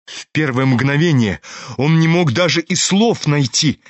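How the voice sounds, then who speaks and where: A man narrating a classic novel in a measured, expressive audiobook reading. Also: fairly high pitch, no room sound, highs cut off.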